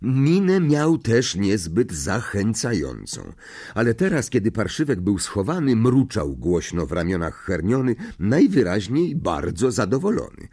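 A man reading a children's fantasy novel aloud as the audiobook narrator, with expressive, varied storytelling. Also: lowish voice, measured pace, slightly rough. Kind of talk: scripted narration.

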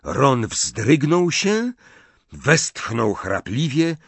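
A man narrating an audiobook in an expressive storytelling reading. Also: medium pitch, drawn-out words, breathy edge, no echo.

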